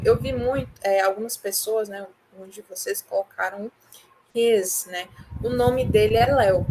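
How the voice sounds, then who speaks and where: Brazilian lady teacher, mid-pitch, patient, keeps checking in, noisy recording. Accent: Brazilian Portuguese. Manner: patient, explains step by step with constant "ok?" checks. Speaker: English teacher. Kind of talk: online class explanation.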